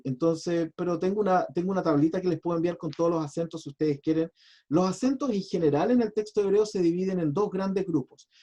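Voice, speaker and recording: A man's voice: on the high side, dark tone. A man, a pastor teaching a biblical Hebrew class in a patient, chatty, explanatory way. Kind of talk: online class lecture.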